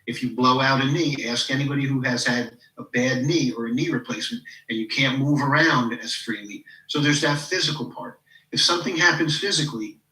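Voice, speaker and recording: A man's voice: medium pitch, a little fast, pushed and bright, reverberant, recorded from a distance, rough recording. A man in his fifties, a podcast guest and coach, talking reflectively in a casual interview and leaning on "you know". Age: 50s. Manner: reflective, leans on "you know", acts out quoted people. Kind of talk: casual interview talk with personal stories.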